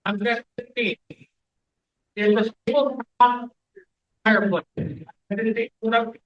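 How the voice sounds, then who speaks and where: A man's voice: extremely high pitch, fairly even intonation, a little slow, highs cut off. A man working as an auctioneer, calling bids in a repetitive chant of numbers and prompts to bidders, recorded in a room from a distance. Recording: echoey room, distant microphone.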